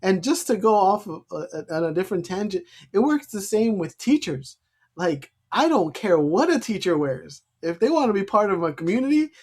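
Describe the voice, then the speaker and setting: A man's voice: sits high, darkish tone. A man co-hosting a podcast as a special education teacher, chatting casually and laughing often. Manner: laughs often, quick chatty delivery with restarts.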